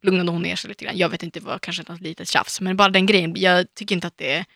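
A woman telling stories in a casual chat, animated and outspoken, dropping English phrases into her talk. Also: fairly low pitch, creaky, dry recording, clean studio sound. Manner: stubborn, outspoken.

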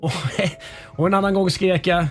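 A man's voice: sits high, little pitch movement, faint music behind. A man in a radio studio telling self-mocking stories in casual banter. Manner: self-mocking anecdote teller. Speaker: radio colleague.

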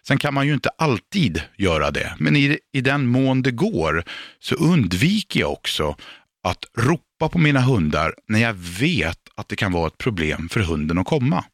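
Guy explaining dog training, gravelly voice, dry close sound, calm and patient but firm. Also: medium pitch, no room sound. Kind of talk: instructional talk on radio or podcast.

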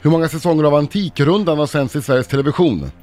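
A man reading quiz questions briskly on a morning radio show. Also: fairly high pitch, darkish tone, faint music behind.

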